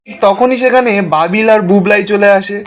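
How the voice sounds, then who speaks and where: High-voiced man recapping a serial. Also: normal speed. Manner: steady storytelling, reads out characters' lines plainly.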